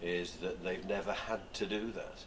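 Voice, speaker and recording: A man hosting a live interview, speaking in measured, slightly hesitant phrases. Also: deep voice, steady tone. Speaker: host, interviewer. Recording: very echoey room, distant mic, faint noise.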